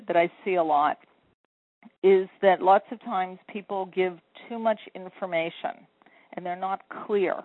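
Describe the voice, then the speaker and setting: A woman sales coach talks earnestly on a tinny phone line, laying out her advice step by step. Her voice is dry and close, with no room sound around it, and her pitch sits in the middle. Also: no echo. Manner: earnest, encouraging, explains step by step. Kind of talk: phone interview. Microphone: telephone.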